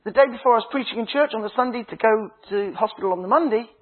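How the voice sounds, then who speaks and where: Husky preacher on a tinny line. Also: male voice, high voice. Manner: dramatic preaching, slow emphatic phrases dropping to hushed tones; humorous storytelling. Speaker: minister. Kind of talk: sermon. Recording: tinny phone-like sound.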